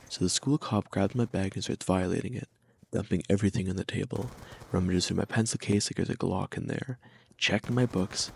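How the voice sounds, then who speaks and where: A man's voice: low voice, creaky, a little hiss or hum. A young man narrating a first-person story in a wry, slangy, scripted storytime style.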